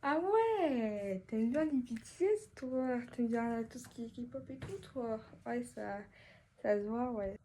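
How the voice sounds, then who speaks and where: A woman's voice: on the high side, animated, takes it slowly, mellow, a little hiss or hum. Woman doing a mocking teenage classmate. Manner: mocking, sing-song teasing. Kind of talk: comedy skit role-play.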